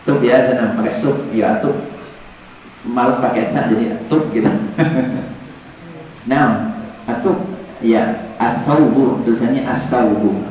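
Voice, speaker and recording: A man's voice: medium pitch, takes it slowly, long pauses, a little mellow, a little hiss or hum. A man teaching Arabic vocabulary to a class, repeating words and joking with the students. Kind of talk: classroom lesson. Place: large echoey classroom. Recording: echoey, distant, dull room recording with students.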